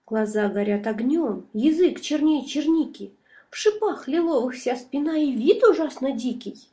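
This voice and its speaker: A woman storyteller reading a children's story in rhyming verse with lively, expressive narration. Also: sits high, normal speed.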